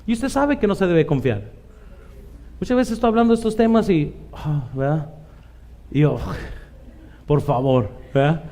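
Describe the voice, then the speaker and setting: Mexican pastor preaching in a mellow voice. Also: male voice, on the high side, sing-song, moderate pace, pauses often. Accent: Mexican Spanish. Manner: conversational preaching, frequent "¿verdad?" asides, acts out quoted voices. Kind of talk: sermon.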